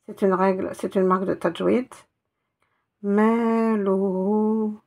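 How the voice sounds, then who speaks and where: A woman's voice: mid-range voice, little pitch movement, slow pace, vocal fry, darkish tone. A woman teaching Arabic letters one by one, patiently spelling out each sound and repeating it. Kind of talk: step-by-step reading lesson.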